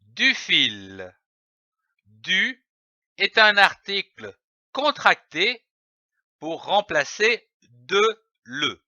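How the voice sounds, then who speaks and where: A man gives a phonics lesson for small children at a very slow, careful pace, sounding out each letter and syllable. His voice sits high and moves with a lively, sing-song rise and fall. It is a bright, clear voice, recorded dry with a slightly dull, lo-fi sound. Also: dry recording. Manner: spells out letters and syllables slowly and deliberately. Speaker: reading teacher.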